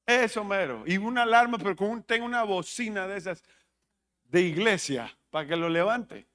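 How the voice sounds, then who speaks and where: A man's voice: high-pitched, moderate pace, fairly bright tone. A man, preaching a sermon as pastor, joking, laughing at his own jokes and questioning the congregation. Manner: jokey, laughs at his own jokes, acts out listeners' voices.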